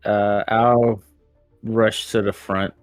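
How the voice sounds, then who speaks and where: A man's voice: fairly low pitch, little pitch movement, slow, no room sound, soft background music. A man playing a tabletop game, hesitant and full of ums and uhs. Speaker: player. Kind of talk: casual tabletop game play.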